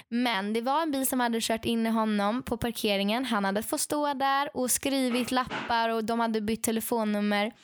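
A young woman tells stories in an easy, chatty way, her voice sitting a little high. She lively acts out what other people said and fills the pauses with plenty of ums. The recording is dry and close, with no room echo. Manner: animated, acts out quoted dialogue; frequent fillers and restarts. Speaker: podcast co-host telling stories. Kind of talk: casual storytelling chat.

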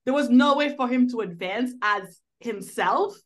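Woman, podcast co-host, casual chat, rambling, lots of fillers, somewhat high pitch. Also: a little slow. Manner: rambling, many fillers like "like" and "you know". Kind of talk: casual film review chat.

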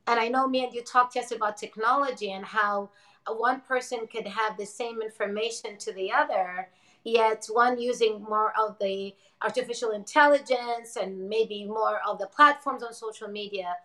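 An earnest woman in her forties from Jordan talks as a guest in a relaxed interview. She speaks reflectively and circles back on her words, often with soft laughter. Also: on the high side, moderate pace, rough recording. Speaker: interview guest, energy-healing teacher. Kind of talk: casual interview conversation.

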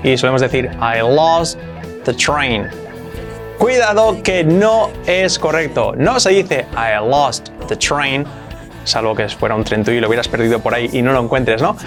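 A man with a Spain Spanish accent hosting an English lesson, energetic, repeating example phrases slowly and clearly. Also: mid-range voice, soft background music. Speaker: English teacher and host.

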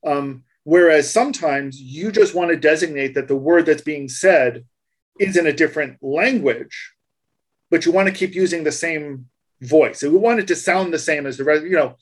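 Man with a fairly high voice explaining patiently. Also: moderate pace. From United States. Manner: patient, explanatory, restarts mid-sentence. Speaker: co-host explaining voice tags. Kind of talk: casual tech podcast chat.

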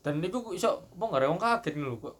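A man's voice: high voice, lively intonation, very fast. A young man, hosting a casual podcast chat in a teasing way. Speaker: podcast host.

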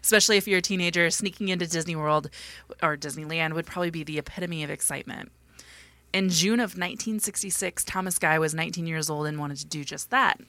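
A woman telling a story on a casual podcast, laughing often as she goes. Her voice sits low and gravelly, with a bright, forward edge. The recording is dry and close. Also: fast, no room sound. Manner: laughs often while narrating.

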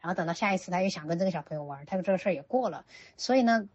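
Casual: low husky mom rattling off a parenting story quick, acting out the dialogue, muffled lo-fi sound. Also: female voice, lively intonation, a little mellow. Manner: retells with quoted dialogue, many restarts. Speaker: parent sharing parenting advice. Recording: dull lo-fi recording.

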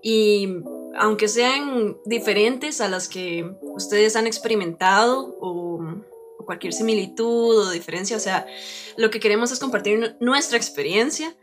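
A woman's voice: mid-range voice, measured pace, faint music behind. A woman with a Costa Rican accent talking casually as a podcast co-host, mixing English words into her Spanish. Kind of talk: casual personal conversation.

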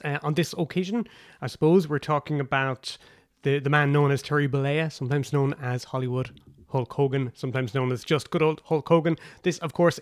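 A man's voice: fairly high pitch, dry recording. Irish man hosting a podcast, dry close sound. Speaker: podcast host. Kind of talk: casual podcast introduction. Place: cabin in the woods.

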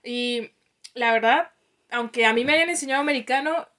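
Woman, Mexican accent, young adult, high-pitched, chatty podcast host, frequent laughs. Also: moderate pace, pushed and bright. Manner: chatty, laughs often, many restarts. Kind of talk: casual podcast chat.

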